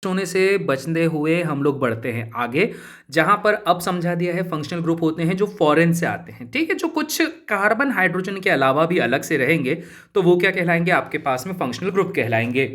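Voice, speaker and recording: A man's voice: on the high side, expressive, a little fast, fairly bright tone. Chatty man teaching a lesson. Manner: chatty, asks students questions and answers them himself; informal, keeps addressing listeners as brother and buddy. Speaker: chemistry teacher. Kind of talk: casual spoken lesson.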